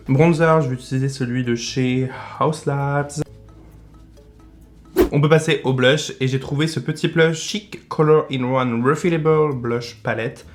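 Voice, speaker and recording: A man in his twenties with a French accent, chatting casually in a beauty vlog and giving blunt product verdicts. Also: medium pitch. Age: 20s. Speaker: beauty vlogger.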